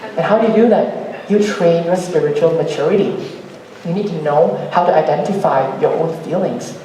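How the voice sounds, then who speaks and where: A man's voice: fairly high pitch, moderate pace, mellow, a little hiss or hum. A man giving an earnest motivational talk on stage, asking the audience rhetorical questions. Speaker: speaker at a youth ideas meetup. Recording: echoey hall, voice from far off.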